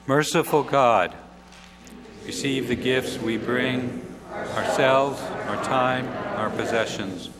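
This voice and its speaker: A man leading a slow, solemn offertory prayer, his voice carried by cathedral echo. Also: medium pitch, a loud crowd. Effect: cathedral echo, long church reverb. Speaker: minister. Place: large church sanctuary. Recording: long cathedral reverb, loud music behind.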